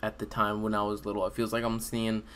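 A man's voice: on the low side, completely flat delivery, fast talker, fairly bright tone, slight background noise. A man in his late teens hosting a podcast, chatting casually and informally from his room at home. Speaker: podcast host. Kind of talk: casual chat. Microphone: desk microphone on video call.

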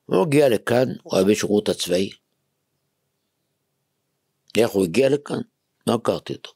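A man who heads a yeshiva, preaching on the weekly Torah portion. He swings from near-shouts to whispers and keeps putting rhetorical questions to his listeners. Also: on the low side, expressive, vocal fry, breathy edge, dry recording, clean studio sound. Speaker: rabbi and yeshiva head.

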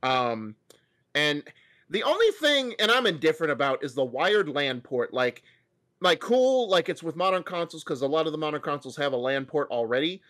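A man in his thirties co-hosting a casual gaming news chat from home over a video call, opinionated and animated, often restarting his sentences. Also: on the high side, normal speed. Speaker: co-host. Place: home room.

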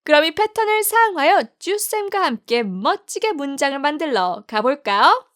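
A woman teaching an online English lesson, bright and upbeat, slowing down to spell out English phrases. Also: high voice, big pitch swings.

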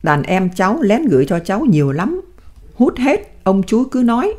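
A woman's voice: medium pitch, big pitch swings, moderate pace, darkish tone, voice pushed up. A tough male gang boss among the prisoners, blunt and menacing, voiced by a woman reading. He is respectful to the old man and threatening to the cellmate.

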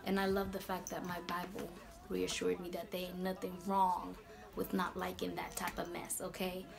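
A woman hosting a casual Bible talk vlog in a chatty, slangy, animated way. Her voice is going hoarse. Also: on the low side, moderate pace, music in the background. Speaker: video host.

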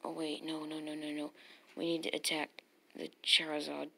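Lady narrating her game battle, gets loud and yells at the screen, kinda low voice. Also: normal speed, gravelly, slightly rough. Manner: excitable, yelling at the game. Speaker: gamer playing online battles. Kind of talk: live gameplay commentary.

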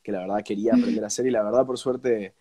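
Congested, low-voiced young Argentine man. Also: fairly even intonation, mellow. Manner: halting, repeats words as he searches for phrasing. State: congested, snotty from a cold. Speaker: interview guest, radio presenter. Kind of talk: casual interview chat. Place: indoors at home, on a video call.

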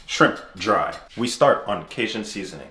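A man's voice: fairly low pitch, expressive, normal speed, background noise. A young man in his twenties hosting a home cooking vlog, joking in a mock-formal broken chef talk. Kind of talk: joking cooking show narration. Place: small home kitchen, indoors. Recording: echoey kitchen with sizzling pan.

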